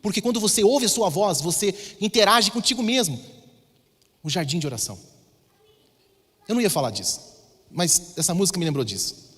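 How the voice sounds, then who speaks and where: A man's voice: high voice, expressive, a little fast, pauses often, fairly bright tone, slightly rough. A Brazilian man with a Brazilian Portuguese accent, preaching a sermon in a conversational, storytelling way. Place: large church hall. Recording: reverberant church hall.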